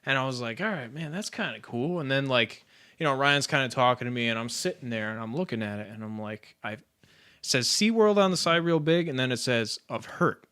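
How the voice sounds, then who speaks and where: A man co-hosting a casual podcast, rambling through stories in an animated way and laughing often. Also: medium pitch, fairly quick, smooth. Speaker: podcast co-host.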